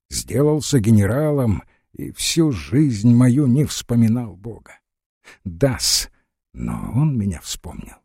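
A man voicing an aging, pious army general who confides his fears in a hushed, halting way. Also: medium pitch, husky, no room sound, studio quality, full character voice. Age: older.

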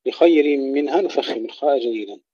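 A man teaching Quranic recitation rules. He recites each word slowly and then explains the rule in plain terms. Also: mid-range voice, mellow, slightly rough, no room sound, highs cut off. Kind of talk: tajweed lesson with recited examples.

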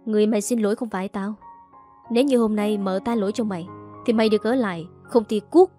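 A woman's voice: medium pitch, fast talker, mellow, faint music behind, close to an everyday voice. A woman voicing a stern young husband who is master of the house, speaking in curt, commanding bursts. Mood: angry commanding.

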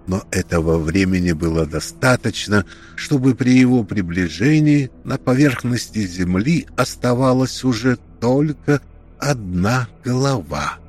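A man narrating a tense story in a steady, measured read. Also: mid-range voice.

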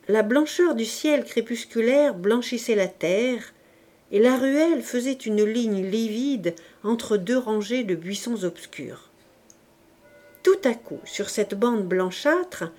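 Slow, measured woman reading aloud. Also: medium pitch, mellow. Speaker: audiobook reader. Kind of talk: scripted narration of a classic novel.

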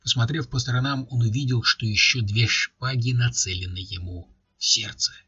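A male audiobook narrator with a husky, strained edge to his tone, telling the story in an even manner. The recording is dry and a little dull, like lo-fi audio. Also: mid-range voice, moderate pace, no echo.

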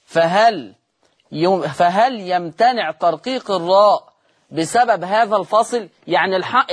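A man with an Egyptian accent teaching Quran recitation in a televised lesson, drawing out words slowly to show how they sound and asking the viewers rhetorical questions. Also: high voice. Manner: draws out words slowly to demonstrate pronunciation.

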